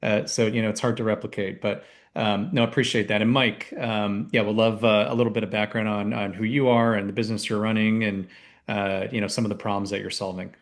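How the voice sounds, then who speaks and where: Halting man hosting a webinar. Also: fairly low pitch, flat delivery. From Canada. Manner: halting, filler-heavy, friendly banter. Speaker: webinar host. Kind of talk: webinar panel moderating. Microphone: video call.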